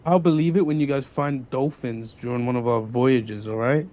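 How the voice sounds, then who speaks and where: A man's voice: medium pitch, fairly even intonation, darkish tone. A man with a mid-range voice plays his character in a tabletop game. He speaks earnestly and often tries to reassure the others or pull them back on track. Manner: earnest, quick to reassure and refocus. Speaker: player.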